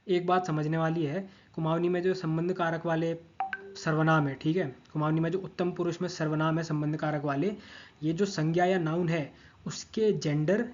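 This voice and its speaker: Patient man teaching words, a little muffled. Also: on the high side. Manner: patient, repeats each word several times and checks with "theek hai". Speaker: language teacher. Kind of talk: explaining grammar over a screen of notes.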